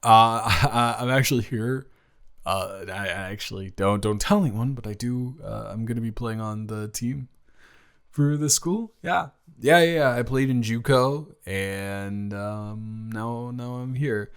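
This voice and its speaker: With a mid-range, fairly even, unhurried and smooth voice close to everyday speech, a man acts out an improvised romantic audio roleplay. His character is a young college athlete, nervous and smitten, who rambles and stammers earnestly on reuniting with a childhood friend.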